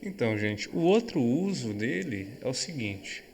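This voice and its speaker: A man from Brazil giving an online English grammar lesson, patiently explaining and checking that students follow, with example sentences read slowly and carefully. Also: medium pitch, big pitch swings, darkish tone, a little hiss or hum. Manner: patient, repeats key words, checks understanding often. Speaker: English teacher.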